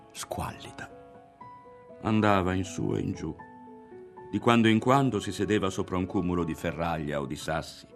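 A man reading a literary novel aloud in a measured, dramatic manner. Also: deep voice. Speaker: audiobook reader. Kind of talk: literary narration.

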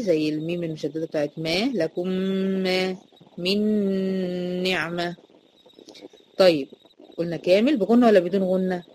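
A woman's voice: on the low side, warm tone, slight background noise, low-quality recording. A woman teacher with an Egyptian accent explaining a recitation lesson, asking questions and answering them herself. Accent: Egyptian Arabic.

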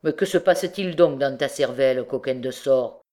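A woman's voice: a bass voice, normal speed, mellow. A woman reading an audiobook, voicing a sly, mocking old male beggar turned bandit. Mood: jaunty.

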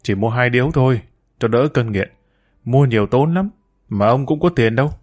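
A man's voice: medium pitch, moderate pace, a little mellow, dry recording, natural voice. A man reading aloud as a tough teenage street boy, sullen and curt, grumbling his words out in short bursts. It is a storybook voice, kept close to the reader's own. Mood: gruff.

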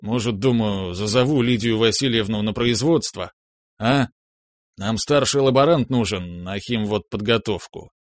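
A man's voice: fairly low pitch, moderate pace, dry recording, natural voice. A man voicing a plump, sentimental middle-aged man who talks in a fussy, hesitant way. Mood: flustered.

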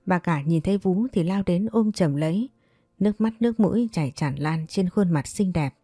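A woman narrating a story in a steady, measured way. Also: on the low side, slightly rough, no room sound. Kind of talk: scripted narration.

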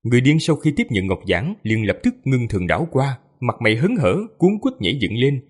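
Lively, slightly husky male narrator. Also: medium pitch, brisk. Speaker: audiobook narrator. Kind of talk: storytelling narration.

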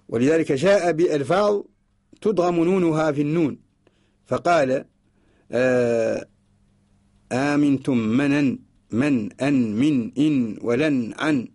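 A man with a Mauritanian Arabic accent giving a radio lesson, slowly recites each example and repeats it word by word to explain it. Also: fairly high pitch, darkish tone. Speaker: teacher of Quranic orthography. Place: radio studio.

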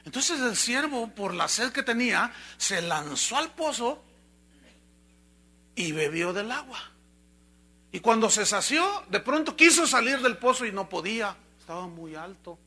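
A man preaching a sermon as pastor, telling a fable with animated storytelling. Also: high voice, a little slow, husky.

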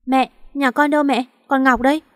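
A woman's voice: high voice, fast talker, darkish tone, no echo, clean studio sound, long reverb tail, voice pushed up, lightly acted. A woman doing a frantic young husband. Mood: urgent. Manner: urgent, pleading. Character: desperate young man searching for his wife.

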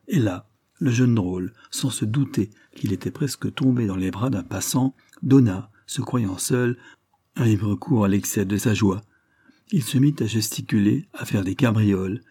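Low husky male audiobook narrator. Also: no echo, studio quality. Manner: steady literary reading. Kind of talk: scripted narration.

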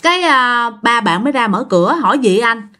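Woman, Southern Vietnamese accent, fairly high voice, chatty ghost storyteller. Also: lively intonation, brisk, sharp tone. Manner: chatty, addresses listeners directly.

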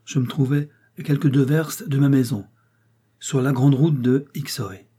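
A man reading a novel aloud as an audiobook narrator, in measured and dramatic storytelling. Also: mid-range voice, fairly even intonation, dark tone, slightly rough.

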